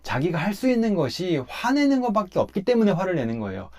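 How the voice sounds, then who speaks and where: A man, a pastor, talking through a Bible passage in a relaxed conversational way, emphatic as he explains step by step. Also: sits high, quick pace.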